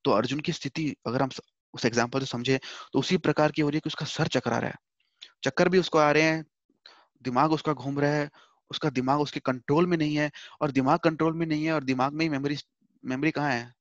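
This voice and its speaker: A man's voice: on the high side, fairly even intonation, a little fast, no echo, muffled recording. A man teaching a Hindi scripture class online from home, explaining patiently, repeating points and mixing in English words.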